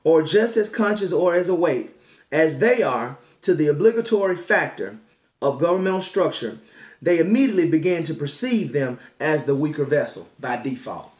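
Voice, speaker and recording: A man hosts a dog-training podcast in a fairly high voice. He talks with earnest, sermon-like emphasis and leans on repeated key phrases. The recording has a roomy echo. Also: lively intonation, normal speed. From Alabama. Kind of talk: podcast monologue, partly read from notes. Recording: echoey room.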